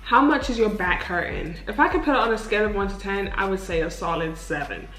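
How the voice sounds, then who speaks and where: A woman's voice: medium pitch, expressive, fast talker, fairly bright tone. Young woman chatting candidly to camera, swears a lot, roomy echo, faint music under it. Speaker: vlogger. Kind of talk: casual sit-down Q&A.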